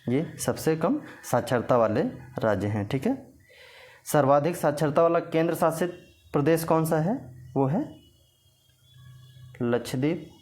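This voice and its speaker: A man's voice: a little high, measured pace, long pauses, darkish tone, faint music behind. A man teaching an exam-prep lecture, dictating facts for notes and repeating the key points. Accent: Hindi.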